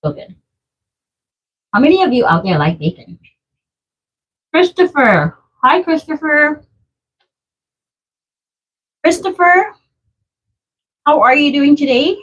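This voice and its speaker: Speaking slowly with frequent pauses, this Trinidadian vlogger has a high, slightly bright voice that swings widely in pitch. She hosts a casual live stream from home, teasing her way through viewer comments and laughing a lot, though the audio sounds dull.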